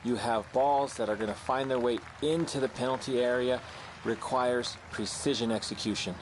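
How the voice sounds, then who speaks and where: A man's voice: medium pitch, fairly even intonation, moderate pace, rough recording. A man giving golf commentary from out on the course, analysing shots in terse, clipped phrases. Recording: clear outdoor course noise behind.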